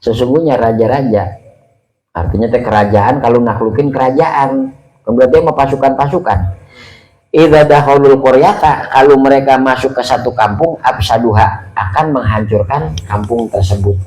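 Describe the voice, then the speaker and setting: A man's voice: mid-range voice, normal speed, darkish tone. A man giving a casual sermon, explaining Arabic phrases line by line in a colloquial way. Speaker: religious teacher. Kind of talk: casual sermon teaching from a kitab. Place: mosque study gathering. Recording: roomy hall with faint ambience.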